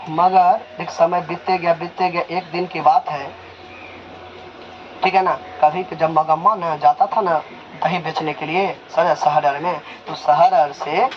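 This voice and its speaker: A young man with a Bihari accent teaches a class, retelling a story in a conversational way and checking often that students follow. His voice sits somewhat high. The recording is dull, with a faint background hiss. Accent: Bihari Hindi. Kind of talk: storytelling lesson retelling a chapter. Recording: slightly dull, faint noise.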